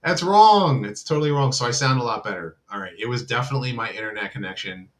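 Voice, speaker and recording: With a quick, expressive delivery and a mid-range voice that's a bit bright, a man hosts a casual livestream chat for viewers. He rambles loosely and uses lots of filler words, heard through a computer mic.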